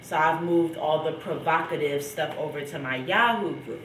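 A woman's voice: sits low, moderate pace, a bit bright, distant mic, slight background noise. A young woman chatting casually in a home video diary, stuffed up with a cold and laughing between thoughts. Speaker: vlogger. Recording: echoey room, from off the mic.

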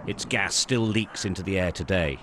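An older man reporting and narrating a news report in a measured, grave way. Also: low-pitched, fairly bright tone, slight background noise.

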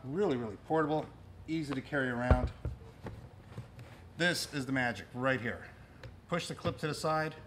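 Handling the equipment as he goes, a middle-aged man with an average-pitched voice gives a casual unboxing and product demonstration of audio gear, explaining in plain terms. He's inside a store, recorded a few feet from the camera, and the clearly noisy room audio includes clicks.

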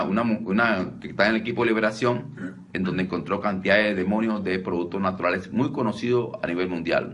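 A low-pitched man gives a casual teaching on deliverance. He restarts his sentences often and keeps calling his listeners brother. A faint hiss sits behind his voice. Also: a bit bright. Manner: repetitive, addresses listeners as brother, frequent restarts. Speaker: deliverance preacher. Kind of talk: conversational teaching at a conference.

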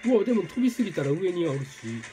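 A man commentating his own gameplay, exclaiming and repeating words in quick bursts. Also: high voice, sing-song, warm tone, faint music behind. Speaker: game streamer. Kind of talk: excited let's-play commentary.

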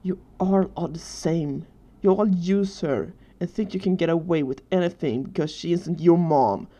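A woman's voice: lowish voice, moderate pace, creaky, dark tone. Cody, a whiny teenage boy, read by a woman. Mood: tearful accusing. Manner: whiny, accusing. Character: angry tearful younger teenage boy.

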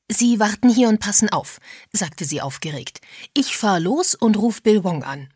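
Female audiobook narrator, husky lower voice, dry close studio sound, voices all characters herself. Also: no room sound. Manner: reads all characters in dialogue with small pitch shifts. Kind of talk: scripted narration.

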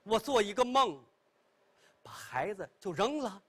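A man's voice: unhurried, slightly rough. A man telling a traditional pingshu story on a television stage, leisurely with chatty asides. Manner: leisurely, chatty asides, wide expressive pitch.

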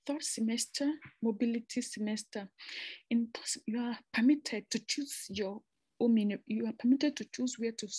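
A young woman from Nigeria explains a master's program in an informal slide presentation, chatty and full of restarts, repeated phrases and asides, like talking to a friend. Her voice sits a little high yet sounds dark and husky, moving at normal speed, and the close, dry recording has no echo.

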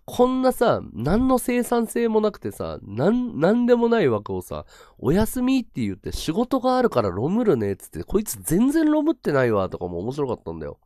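Animated man chatting on a livestream. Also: moderate pace, no room sound, studio quality. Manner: swings between excited bursts and low mumbled asides; rough slangy talk, repeats words for emphasis. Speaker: live streamer. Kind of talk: casual livestream chat with viewers.

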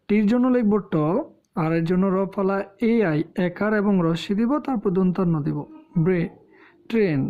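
A woman with a Bangladeshi Bengali accent teaching English pronunciation, explaining slowly with pauses and fillers. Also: lowish voice, warm tone. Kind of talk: spoken lesson. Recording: dull lo-fi sound.

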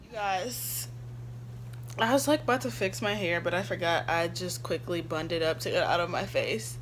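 A woman's voice: lowish voice, moderate pace, fairly bright tone, a little hiss or hum. A young woman in a casual, rambling vlog, chatting to her viewers with easy laughs. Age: young adult. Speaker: vlogger. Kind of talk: casual chat.

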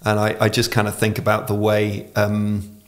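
A low-voiced man with plenty of creak talks as a podcast guest. He says his r's like w's and explains things in a reflective, conversational way. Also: completely flat delivery, moderate pace. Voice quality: pronounces r as w. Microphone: podcast microphone on desk stand.

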